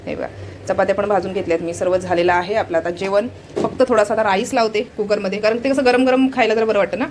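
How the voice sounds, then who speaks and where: A woman's voice: mid-range voice, fairly even intonation, quick pace, noisy background. A woman with a Marathi accent narrating a casual home vlog from her kitchen, chatting to viewers as she points things out. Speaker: vlogger.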